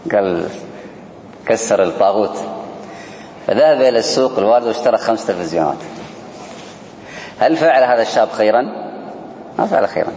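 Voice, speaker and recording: A man teaches a religious lesson, talking quickly in a lowish voice. He acts out the people he quotes, with sudden pitch jumps. He is recorded in a roomy hall with a long echo and faint background noise. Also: a little mellow. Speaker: sheikh teaching a book on worship.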